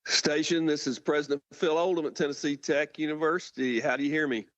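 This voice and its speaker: A man hosting a live link-up as a university president, informal and a bit halting as he restarts his questions. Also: fairly high pitch, fairly even intonation, fairly bright tone, dry recording. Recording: dull, muffled event audio.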